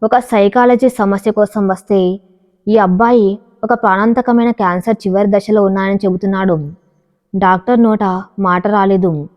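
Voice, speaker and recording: A woman narrating a dramatic story in a steady, even storytelling voice. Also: medium pitch, moderate pace. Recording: dull, reverberant recording.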